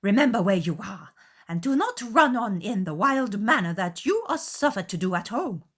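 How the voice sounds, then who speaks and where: Woman playing high-pitched, effusive, fussy mother. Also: sing-song, normal speed, breathy edge. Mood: scolding. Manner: gushing, indignant, emphatic. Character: excitable, effusive, boastful middle-aged mother in Regency England. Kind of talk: dramatized audiobook character voice.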